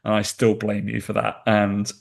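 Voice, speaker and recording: A man's voice: lowish voice, completely flat delivery, normal speed, vocal fry. A man co-hosting a casual podcast, telling jokey stories about himself. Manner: joking, storytelling. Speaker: podcast co-host. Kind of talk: casual chat.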